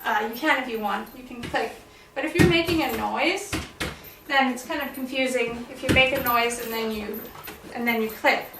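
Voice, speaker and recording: A woman dog trainer calmly explaining a demonstration and softly praising the dog. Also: on the high side, moderate pace, noisy background. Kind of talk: instructional demonstration. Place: indoors in a house. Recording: roomy sound from a distance.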